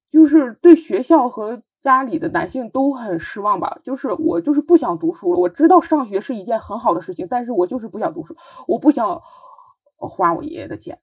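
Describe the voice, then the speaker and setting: Husky-voiced young woman telling her story. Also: medium pitch. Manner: earnest, halting, with frequent restarts. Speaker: podcast guest. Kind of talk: personal storytelling. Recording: dull lo-fi recording.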